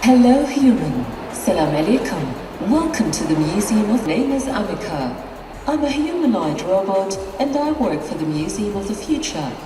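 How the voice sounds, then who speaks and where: A woman's voice: mid-range voice, sing-song, moderate pace. Synthetic female robot greeter voice. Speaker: museum greeter. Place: large indoor museum hall. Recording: echoey hall from far off, music behind.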